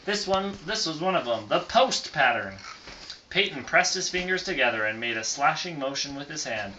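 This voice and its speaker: Reading a picture book at bedtime, a father keeps his fairly high voice lively and pushed-bright at a moderate pace. He halts now and then to answer his small child, who points at the pictures. The clip is a noisy home recording made on a phone.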